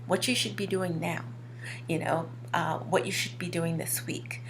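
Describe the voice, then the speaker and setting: A fashion course instructor, a woman with a slightly hoarse, lowish voice, gives an informal promotional talk against a noisy background. She speaks unhurriedly with fairly even intonation, correcting herself conversationally and repeating words for emphasis.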